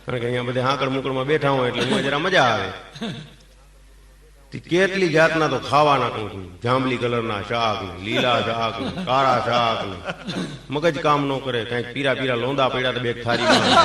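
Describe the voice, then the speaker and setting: A man with a Kathiyawadi Gujarati accent telling a comic story on stage in a folksy, deadpan way, acting out bits of dialogue. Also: mid-range voice, moderate pace. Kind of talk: Gujarati folk comedy storytelling. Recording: echoey hall, mic at a distance. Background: audience laughter.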